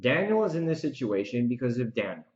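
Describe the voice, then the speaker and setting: This podcast host and author sounds very animated as he rants and reflects in a solo recap, repeating phrases emphatically to make his case. His mid-range, darkish voice moves fairly quickly, and the audio is reverberant and dull.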